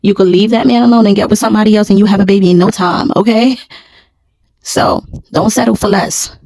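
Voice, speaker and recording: A woman's voice: medium pitch, fairly quick, gravelly, no room sound, low-quality recording. Frank woman telling a storytime. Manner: frank, animated, slangy, addresses viewers directly. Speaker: vlogger. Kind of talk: casual storytime monologue.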